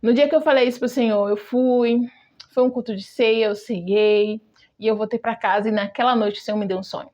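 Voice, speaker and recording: A woman's voice: on the high side, fairly even intonation, a little fast, dark tone. A woman with a Brazilian Portuguese accent sharing a heartfelt personal testimony in a devotional, speaking directly to the listener. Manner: heartfelt, talks straight to the listener. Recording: dull lo-fi recording.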